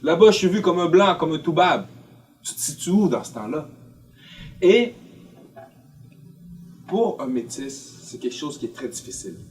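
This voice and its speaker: In a documentary interview, a man with a Quebec French accent tells personal stories, expressively acting out remarks he quotes. His voice is on the high side with lively intonation and a moderate pace, he pauses often, and the mic is distant, with faint music in the background.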